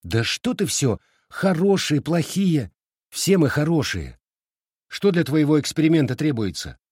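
A man's voice: a little high, sing-song, a little slow, a little mellow, breathy edge, no echo, clean studio sound, voice pushed up, heavily acted. A man voicing a boastful young village boy who talks in a brash, self-assured way. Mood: cocky.

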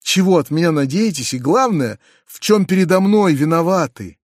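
A man's voice: on the high side, lively intonation, moderate pace, no room sound, studio quality, natural voice. A man voicing a shy, earnest young nephew who presses with his questions.

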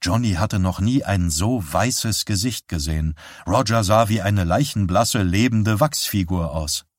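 A man reading a novel aloud as audiobook narrator, in a measured, even storytelling manner. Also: on the low side, dry recording. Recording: dry close studio sound.

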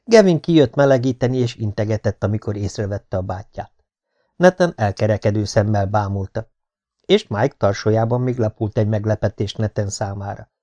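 A man reading an audiobook novel in a steady, measured narration. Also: on the low side, dull audio.

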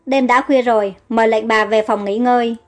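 A woman's voice: fairly high pitch, steady tone, a little fast, soft background music, pitched below the performer's own voice, lightly acted. A woman voicing a court lady-in-waiting who fusses over her mistress. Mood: deferential. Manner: deferential, fussing. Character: older female lady-in-waiting, fussy and caring.

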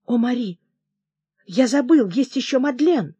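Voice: mid-range voice, lively intonation, measured pace, warm tone, breathy edge, no room sound, highs cut off, pitched above the performer's own voice. A narrator gives voice to a troubled young king, erratic and feverish, snapping out commands. The delivery is agitated and insistent. The sound is close and dry, with no room around it. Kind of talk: audiobook character reading.

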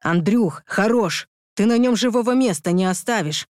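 A man's voice: high voice, lively intonation, moderate pace, no room sound, voice pushed up. A loyal male friend , voiced by the narrator in an audiobook. He speaks urgently and pressingly, in a dry, close recording.

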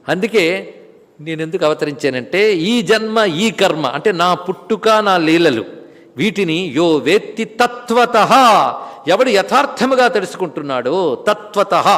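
Male preacher, high voice, lively: bursts of emphasis, hushed asides, slow chanted verses. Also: long reverb tail. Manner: animated, swings between loud exclamations and soft asides, chants Sanskrit verses slowly. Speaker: spiritual discourse speaker. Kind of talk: devotional sermon on scripture.

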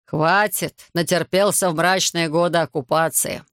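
A man's voice: fairly high pitch, fairly even intonation, unhurried, clean tone, no room sound, studio quality. A man doing a drunk boastful fisherman. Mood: drunk boasting. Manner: slurred, dragging, loud and maudlin.

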